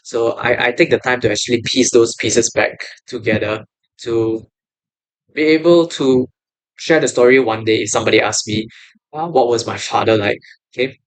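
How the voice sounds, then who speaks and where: A man's voice: mid-range voice, moderate pace, rough recording. Earnest young Malaysian man hosting podcast. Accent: Malaysian English. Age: 20s. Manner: earnest, encouraging, rambling with many fillers. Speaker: podcast host. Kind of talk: casual podcast monologue.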